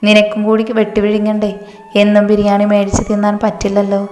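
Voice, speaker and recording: A woman's voice: medium pitch, completely flat delivery, fairly quick, darkish tone, lightly acted. A woman voicing a spiteful, scornful older mother-in-law who scolds and sneers. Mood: sneering. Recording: echoey room, faint music.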